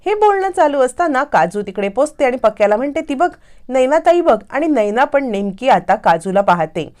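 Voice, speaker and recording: A woman's voice: fairly high pitch, very animated, darkish tone. A woman narrating a TV serial episode recap, acting out every character's lines. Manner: brisk storytelling, acts out all dialogue.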